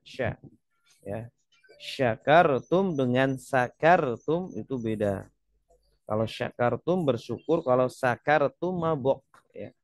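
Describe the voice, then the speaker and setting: A man's voice: medium pitch, no room sound. A man teaching Quran reading in a webinar. He tags his points with "ya" and stretches out the Arabic words he recites as examples.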